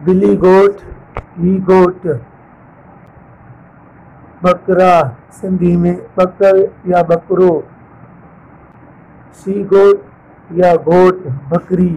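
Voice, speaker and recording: A man teaching English vocabulary, listing word pairs with translations in a slow, deliberate way. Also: high-pitched, little pitch movement, highs cut off.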